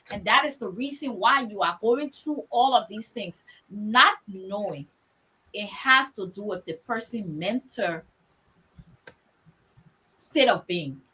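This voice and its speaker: A Liberian woman speaks with a high, lively voice that swings up and down as she leads the panel. Her tone is bright and sharp, and she tells stories emphatically, repeating words to drive them home. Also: measured pace, breathy edge, low-quality recording. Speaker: discussion moderator. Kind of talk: panel discussion.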